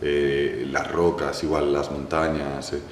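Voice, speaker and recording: Very deep-voiced filmmaker, reflective. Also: male voice, level tone, a little hiss or hum. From Galicia, Spain. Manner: thoughtful, many pauses, restarts and "¿no?" tags. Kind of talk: reflective interview answer. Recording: echoey room with faint ambience.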